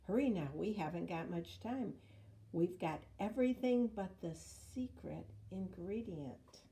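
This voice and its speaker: A woman voicing a soft-spoken, steady, encouraging old grandmother in a children's storybook. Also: fairly low pitch, unhurried, slight background noise. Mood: soft, reassuring. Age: older. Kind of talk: storybook read-aloud character voice.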